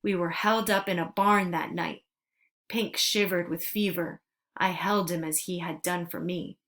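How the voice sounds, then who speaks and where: A woman's voice: fairly low pitch, measured pace. Woman reading a story aloud. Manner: steady, earnest narration. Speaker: narrator.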